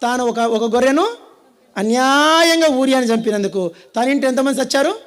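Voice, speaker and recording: Very high voiced preacher guy w telugu accent, goes loud then hushed, keeps asking the crowd to answer. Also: moderate pace. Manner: dramatic, swinging between loud and hushed; calls on the audience to answer. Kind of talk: sermon.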